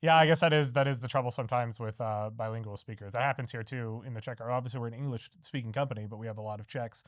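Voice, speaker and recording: A man's voice: mid-range voice, fast, few pauses, no room sound, studio quality. A man hosting a podcast interview, talking in a casual, rambling way and nodding along with "mm-hmm.". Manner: rambling, frequent "mm-hmm" backchannel. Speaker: podcast host.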